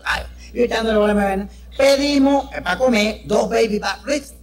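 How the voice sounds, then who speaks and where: On stage before a live crowd, a Venezuelan-accented man performs crude, chatty stand-up, swapping brash stories with the audience. His voice is very high and gravelly, and he talks briskly. Crowd noise from the show is audible.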